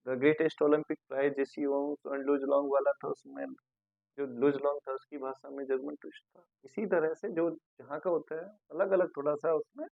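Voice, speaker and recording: A man teaching an English grammar lesson. He goes patiently, repeats sounds slowly and keeps checking that his students follow. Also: a little high, gravelly, dry recording, phone-quality sound.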